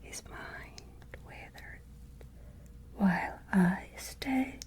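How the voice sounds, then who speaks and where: A woman playing a haughty, menacing, ageless vampire lady of a castle in a whispered ASMR roleplay, with deliberate, imperious delivery. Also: medium pitch, a little mellow. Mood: cold, wistful menace.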